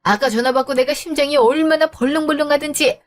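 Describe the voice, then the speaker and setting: A widowed mother-in-law in an audio drama, voiced by a woman, formal and apologetic. Her voice sits fairly high, and faint music plays under her lines. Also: fast, lightly acted. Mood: flustered.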